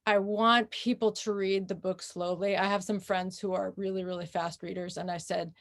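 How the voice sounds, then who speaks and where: An American woman author speaking in a conversational interview, thoughtful and unhurried, pausing often with fillers. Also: medium pitch, little pitch movement. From United States. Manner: thoughtful, with frequent pauses and fillers.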